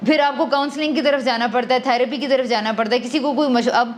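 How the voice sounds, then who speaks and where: Her voice sits high and her tone stays steady. This woman, an adult parent, is a podcast guest speaking on emotional wellbeing, explaining in a considered, chatty way while using English terms and frequently starting her sentences over.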